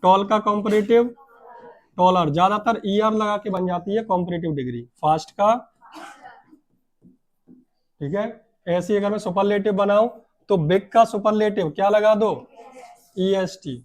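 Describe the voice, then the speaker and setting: Teaching grammar in an unhurried way with long pauses, a high-voiced man asks his class questions again and again only to supply the answers himself. He stretches key words out to stress them.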